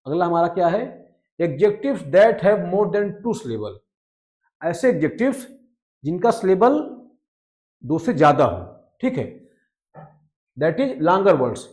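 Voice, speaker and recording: A man teaching a grammar lesson. He repeats each rule in Hindi, reads the English lines slowly and keeps checking in with his listeners. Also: high voice, a little mellow. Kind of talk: explaining a lesson.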